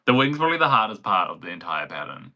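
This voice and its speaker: A man's voice: lowish voice, big pitch swings, fast talker, sharp tone. A young man with a New Zealand accent, hosting a casual crochet livestream in a chatty, giggly way, full of likes and ums. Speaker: crochet pattern designer and livestream host.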